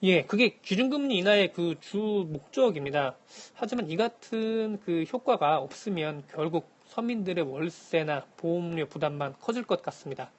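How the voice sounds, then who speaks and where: Guy phoning in econ news to a radio show, slightly high voice, formal and measured, reading from notes. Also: lively intonation. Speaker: economic correspondent on a radio phone briefing. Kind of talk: scripted news briefing, answering by phone. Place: phone link to a radio programme.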